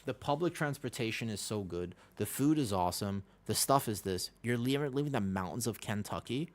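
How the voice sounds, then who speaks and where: Slangy, excitable male game streamer. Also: lowish voice, a little fast. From Texas, United States. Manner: slangy, excitable, repeats himself. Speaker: game livestreamer. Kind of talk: casual chat and gameplay commentary.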